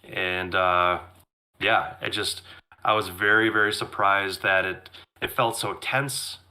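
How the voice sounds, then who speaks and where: Low, forceful man losing his voice. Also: steady tone, slow pace. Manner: enthusiastic, clears throat, many fillers and restarts. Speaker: podcast co-host. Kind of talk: casual chat.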